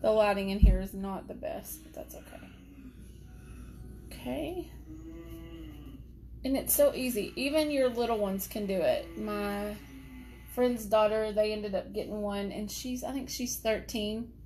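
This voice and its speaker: A woman's voice: mid-range voice, unhurried, pauses often, a little mellow, faint music behind. A middle-aged woman, chatting casually and laughing often while she curls her hair in her home office. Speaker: hair tutorial vlogger. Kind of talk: casual live chat while styling hair.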